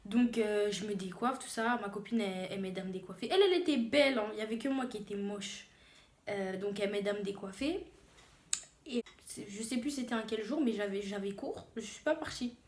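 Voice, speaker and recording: A young woman telling a story on her vlog in a lively way, often repeating phrases for emphasis. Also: medium pitch, a little fast. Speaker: vlogger. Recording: roomy echo.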